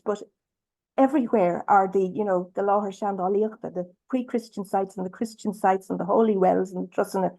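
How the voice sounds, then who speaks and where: Mellow-voiced Irish woman on a webinar. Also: mid-range voice, low-quality recording. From Ireland. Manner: hesitant, many ums and restarts, switches between Irish and English. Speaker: webinar speaker. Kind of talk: bilingual webinar talk.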